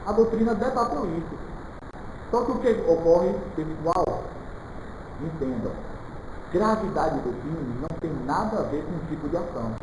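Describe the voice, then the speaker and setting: A man's voice: on the high side, expressive, normal speed. A man from Salvador, giving an informal live lecture as a law teacher, didactic and often checking in with listeners. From Salvador, Brazil. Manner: didactic, with frequent check-in questions and colloquial asides. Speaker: criminal law teacher for public exam candidates. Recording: very echoey room with clear background noise.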